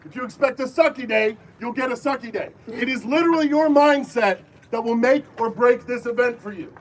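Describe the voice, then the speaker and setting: High-voiced man addressing a crowd outdoors, firm and commanding, heard from a distance with faint noise. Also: brisk. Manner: firm, call-and-response, commanding. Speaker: airsoft event briefing leader. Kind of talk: safety briefing to a crowd. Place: outdoor airsoft field.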